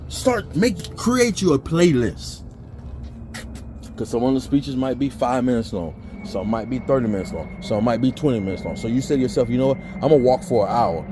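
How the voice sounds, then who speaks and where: A man's voice: medium pitch, background noise. Blunt preachy man giving tough-love advice. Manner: blunt, preachy, cursing, mimics lazy complainers. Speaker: motivational vlogger. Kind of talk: blunt motivational rant.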